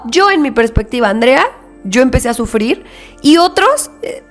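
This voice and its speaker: A young adult woman with a Mexican accent, casually recounting a spiritual experience and acting out the dialogue, soft music behind her. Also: high voice, moderate pace. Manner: reflective, animated retelling with quoted dialogue. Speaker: spiritual podcast host. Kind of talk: casual personal storytelling.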